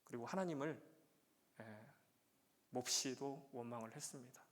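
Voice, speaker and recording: A male pastor giving a sermon with a personal testimony, telling his story with many "예" fillers and breaking into loud, emotional prayer. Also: mid-range voice, moderate pace. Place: church sanctuary. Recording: long church reverb.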